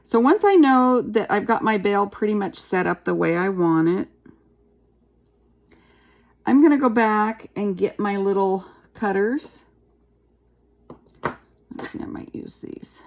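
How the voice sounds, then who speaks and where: Gravelly-voiced woman teaching a craft. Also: mid-range voice, a little slow. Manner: chatty, relaxed, talks while working with her hands. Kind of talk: casual craft tutorial.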